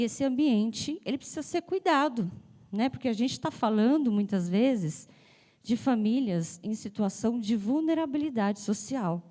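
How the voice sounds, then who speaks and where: A woman's voice: a little high, mellow. A woman giving a conversational talk to an audience at a symposium, slightly breathless and nasal from a cold, often checking in with "né?". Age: adult with a child. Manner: chatty, addresses the audience directly with frequent "né?". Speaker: speaker at a symposium.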